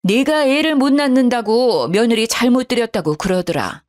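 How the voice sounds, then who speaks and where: A woman's voice: a little high, lively intonation, normal speed, darkish tone, pitched above the performer's own voice, close to an everyday voice. An indignant older mother on the phone in a storybook drama, read by a woman narrator. Her talk runs agitated and protective, the voice swinging up when she is outraged and sinking when she backs off.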